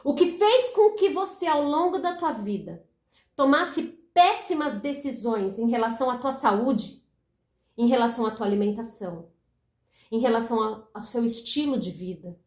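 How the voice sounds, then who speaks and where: A woman speaking high in her range gives a self-help talk straight to her viewers. She is animated and repeats lines for emphasis, slipping into little inner voices. The room around her is echoey. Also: moderate pace.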